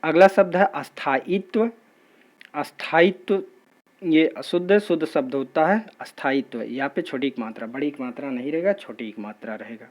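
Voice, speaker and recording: A man teaching an exam-prep spelling lesson in a steady, patient, methodical drilling way. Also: fairly high pitch, normal speed.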